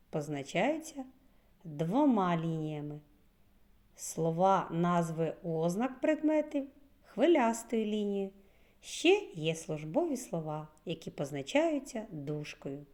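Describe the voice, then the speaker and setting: Slow, lively-voiced preschool teacher woman. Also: fairly low pitch. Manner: slow, clearly stressed words for small children. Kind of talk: children's lesson.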